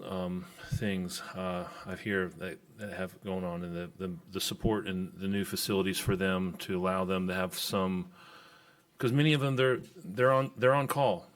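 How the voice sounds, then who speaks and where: A man giving halting public comment at a government meeting, often repeating his words. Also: lowish voice. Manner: halting, repetitive.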